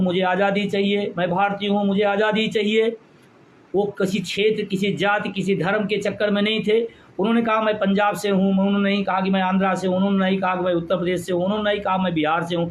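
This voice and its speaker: A man's voice: high-pitched, slight background noise. A man leading a pension movement, giving an impassioned rally speech full of repeated phrases for emphasis.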